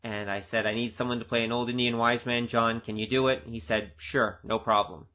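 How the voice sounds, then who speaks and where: A man with a medium-pitched, level, brisk voice acts as an audio drama producer delivering a director's commentary. His tone is informal, earnest and conversational. The recording sounds dull and lo-fi.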